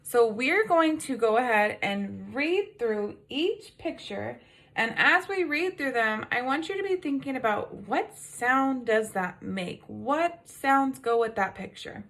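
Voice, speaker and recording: A woman's voice: fairly high pitch, expressive, a bit bright. A woman teaching a phonics lesson to kindergarten children, patiently prompting them with questions. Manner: slow, sing-song, patient prompting with questions.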